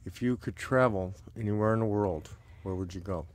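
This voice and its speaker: Brief: man, mid forties, very deep voice, halting and plain, asks simple interview questions. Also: darkish tone. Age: 40s. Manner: hesitant, plain, many fillers. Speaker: interviewer, geology student. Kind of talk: casual personal conversation. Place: small recording booth.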